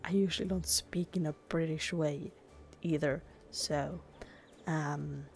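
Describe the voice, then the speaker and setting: Chatty woman with a gravelly voice. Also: low-pitched, steady tone, takes it slowly, darkish tone, soft background music. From Sweden. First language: Swedish. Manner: chatty and rambling, full of "like" fillers. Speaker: gaming YouTuber. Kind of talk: casual gameplay commentary.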